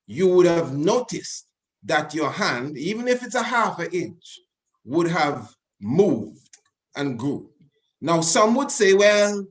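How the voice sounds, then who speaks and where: A man speaking on a video-call webinar, leading the audience through an exercise in an animated, commanding way and repeating himself for emphasis. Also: fairly high pitch. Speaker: webinar panelist.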